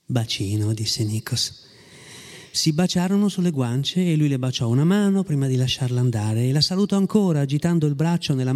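A man reading a story aloud with a lively, ironic delivery and occasional asides to his listeners. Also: on the high side. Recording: long hall reverb.

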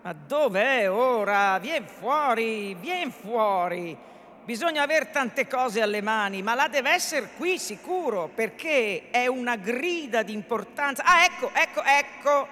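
A woman's voice: on the high side, expressive, fairly bright tone. A woman voicing a pompous, fussy old male lawyer in a theatrical reading of a novel, bustling and self-important. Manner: bustling, self-important, mutters quickly through legal text. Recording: echoey hall.

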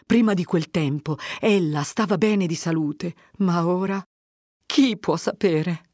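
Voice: mid-range voice, a little mellow, dry recording, clean studio sound, pitched above the performer's own voice. A reader voicing an anxious older village mother who fires off worried questions. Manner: worried, pleading, rapid questions.

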